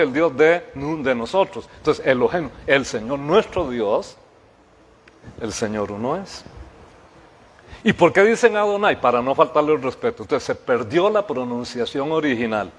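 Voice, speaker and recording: A man preaching, rising to emphatic shouts and then dropping to quiet, careful explanation. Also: on the high side. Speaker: pastor. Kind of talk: sermon. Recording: hall reverb.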